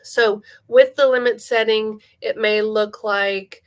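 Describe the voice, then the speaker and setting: A middle-aged woman play therapist giving calm, instructive parenting advice, repeating key phrases for emphasis. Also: fairly high pitch, slow pace. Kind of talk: instructive parenting talk to camera.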